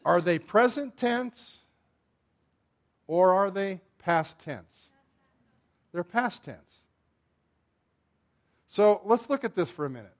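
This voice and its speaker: Guy preaching a sermon, pretty high voice, keeps asking the crowd if they're with him. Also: animated, takes it slowly, pauses often. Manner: call-and-response questions to the congregation; shifts between loud emphatic lines and quiet asides.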